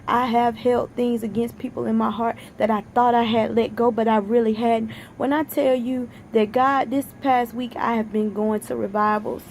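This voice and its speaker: A woman's voice: a little high, fairly even intonation, moderate pace, few pauses, slight background noise. A woman giving an earnest, repetitive devotional exhortation while sitting out on her sun porch, near tears. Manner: earnest, preachy, repeats for emphasis. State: close to tears. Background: thunder outside.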